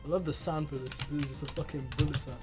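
Young man, high voice, hyped gamer bro, sweary trash talk, gameplay commentary, music in background. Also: fairly even intonation, racing, darkish tone. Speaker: gaming video host.

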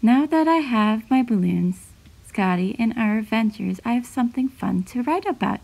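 A woman voicing a curious, imaginative seven-year-old girl in a storybook, speaking in a bright, wondering way. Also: fairly high pitch, lively intonation, moderate pace, creaky. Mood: happy.

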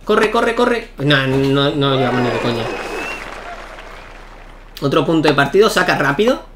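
A young man giving excitable live commentary while playing a tennis video game, shouting at key points. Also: medium pitch, normal speed, crowd noise, background noise. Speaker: gaming YouTuber.

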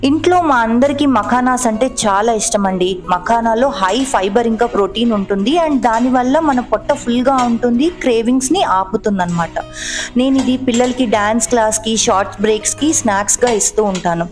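A woman's voice: a little high, brisk, faint music behind. Chatty woman narrating a home cooking vlog. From Telugu-speaking India. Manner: chatty, explanatory, mixing English words into Telugu. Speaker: cooking vlogger. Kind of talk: voice-over narration of a cooking video.

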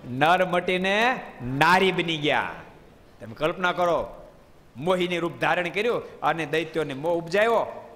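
Casting: male preacher, fairly high voice, lively storytelling, hall reverb. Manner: lively, questions the audience, playful asides. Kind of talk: devotional storytelling sermon.

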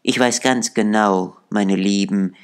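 A man voicing a poor, gentle father in an audiobook, speaking tenderly and solemnly. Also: fairly low pitch, steady tone, slow, clean tone. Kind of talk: audiobook character reading.

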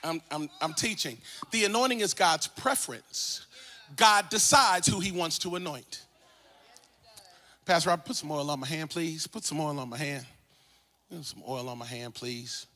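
A man pastor preaching a sermon in a church, swinging from soft asides to sung, shouted calls and responses. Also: fairly high pitch, moderate pace. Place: large church sanctuary.

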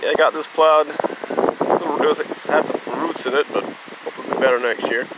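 A man's voice: on the high side, steady tone, moderate pace. A man casually vlogging outdoors on a farm field, talking in a plain, easygoing, rambling way while working with a phone camera. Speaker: homesteader vlogger. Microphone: phone camera held while working. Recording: heavy wind noise on mic.

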